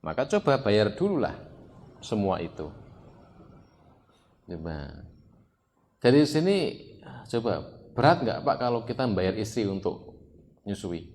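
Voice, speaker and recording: A man with a Javanese accent preaching a sermon, lively, often questioning the listeners and jumping up in pitch. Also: measured pace, pauses often. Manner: lively, keeps asking the audience questions, sudden high jumps. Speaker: Islamic preacher. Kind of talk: sermon to a live congregation.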